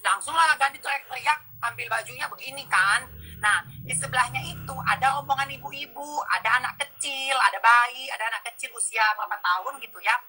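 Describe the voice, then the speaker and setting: A woman in casual gossip chat, telling stories loudly and dramatically and mimicking people, heard over a tinny phone-like line. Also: high voice, moderate pace, a little hiss or hum. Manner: loud, dramatic storytelling with mimicry. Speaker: social media personality.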